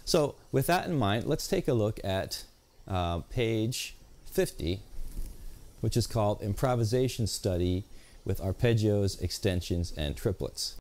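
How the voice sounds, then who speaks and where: Man, jazz guitar teacher, slightly low voice, patient explaining, counts beats slowly. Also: lively intonation. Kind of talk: instructional video lesson. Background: guitar playing between explanations.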